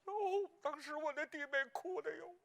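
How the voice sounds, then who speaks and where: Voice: sits high, steady tone, moderate pace, vocal fry, sharp tone, full character voice. A performer playing a comic, gossipy married woman in Peking opera, speaking with a Beijing accent in a rambling, bumbling way. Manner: rambling, bumbling, fumbles names. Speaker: clown role in a staged opera.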